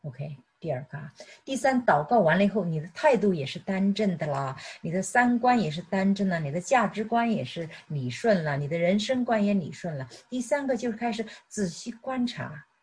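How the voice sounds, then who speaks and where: A woman's voice: mid-range voice, lively intonation, moderate pace, a little mellow, husky. A middle-aged woman teaching a sermon on prayer, chiding her listeners with rhetorical questions and stumbling over repeated words. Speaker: Bible teacher.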